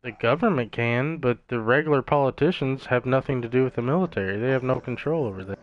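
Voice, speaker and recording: A man's voice: mid-range voice, fast talker. A man trash-talking his friends in casual voice chat while gaming, brash, profane and mocking. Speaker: gamer streaming with friends. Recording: dull lo-fi gaming mic, faint hiss.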